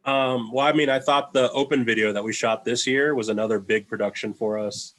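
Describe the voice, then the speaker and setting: A man on a video call answering questions in loose, casual speech. He rambles, restarts his sentences and fills his pauses with ums. His voice sits at an ordinary middle pitch. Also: fairly even intonation, fairly bright tone, rough recording. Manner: rambling, many fillers and restarts. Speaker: in-house video producer for a sports team.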